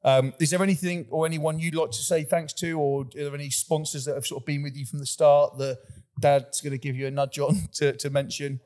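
A man's voice: on the high side, level tone, a little fast, a little mellow. A man hosting a casual podcast, rambling and repeating words as he starts sentences, often laughing between lines. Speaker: podcast host.

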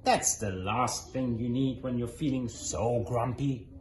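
A man's voice: medium pitch, unhurried, darkish tone, lightly acted. Man reading as a matter-of-fact gorilla, roomy sound. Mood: concerned. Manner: matter-of-fact, commenting on a friend. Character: well-meaning, observant male gorilla neighbour. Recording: roomy living room, background noise.

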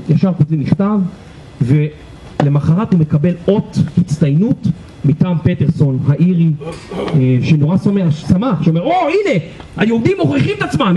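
A tour guide speaks outdoors with a high but mellow voice, telling anecdotes with lots of animation and laughter. The recording is muffled, with faint outdoor ambience behind him. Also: male voice, slight background noise. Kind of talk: storytelling lecture to a tour group. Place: outdoors at a historic site.

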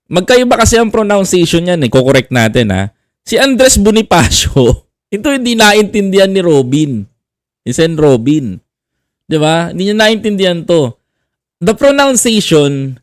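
A man's voice: on the high side, no room sound, studio quality. A man hosting a vlog, giving casual teasing commentary, laughing often and repeating himself. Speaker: vlogger host.

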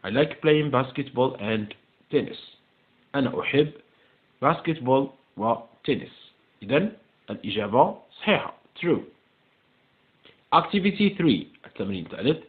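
An Algerian man walks middle school pupils through an English exam, spelling out each English line slowly before putting it into Arabic. His pitch swings widely from word to word. The recording is narrow and tinny, close to a phone line. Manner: reads English slowly, then translates into Arabic. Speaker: English teacher.

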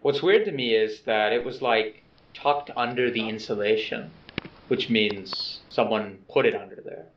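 An actor portrays an awkward, earnest man narrating a personal video letter, halting, modest, unsure and softly self-effacing, with a hesitant, subdued mood and a lightly acted feel. His slightly low voice arrives as dull, echoey, distant found-footage playback with music and slight background noise.

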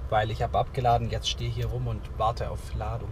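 A man's voice: fairly low pitch, level tone, fast talker. A man who drives trucks, recording a casual video diary of his working week from the road, chatty and blunt, cursing when something annoys him. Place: inside a truck cab and around depots. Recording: loud road and engine noise.

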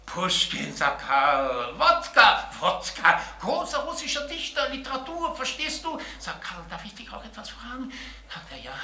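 An actor playing an older stand-up entertainer, animated in his jokes and bitter when he is hurt. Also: high voice, unhurried, few pauses, reverberant, exaggerated voice. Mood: joking. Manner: animated joke telling, then bitter and sharp. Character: aging entertainer, vain and touchy.

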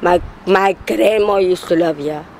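A woman's voice: lowish voice, measured pace, darkish tone, slight background noise, low-quality recording. A woman in her thirties with a Cape Town South African accent, giving a blunt, indignant street interview outside by a stadium. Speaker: interviewee, local resident.

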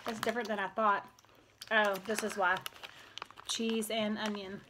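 A woman's voice: medium pitch, level tone, unhurried. A middle-aged woman co-hosting a casual family snack-tasting vlog as the mother, upbeat and reading snack notes aloud. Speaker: mother and co-host. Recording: loud background noise on a home video.

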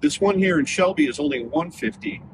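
A man's voice: a little high, brisk. A man hosting a road trip vlog, talking casually and thinking aloud as he drives. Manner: relaxed, chatty, thinks aloud. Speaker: vlog host. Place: inside a car on the road. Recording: road noise in a moving car.

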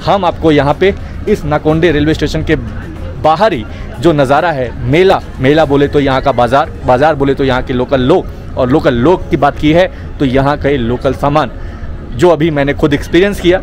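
With a fairly high, darkish voice at a moderate pace, a young man from India vlogs his travels at a crowded railway station. Holding the camera at arm's length, he chats with viewers as brother while crowd noise and music play around him.

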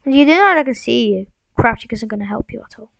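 A woman's voice: a little high, lively intonation, quick pace, vocal fry, dry recording. A young woman streaming a game, rambling and mock-heroic as she talks to herself and her viewers. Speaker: gaming streamer. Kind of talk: casual live-stream commentary. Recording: dull lo-fi sound.

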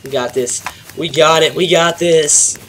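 High-voiced nasal young man commentating a game. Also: a little slow, a little hiss or hum. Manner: excitable, jokey, shouts bursts at the game. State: nasal, stuffy nose. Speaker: gameplay commentator. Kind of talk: casual gameplay commentary. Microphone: home desk mic.

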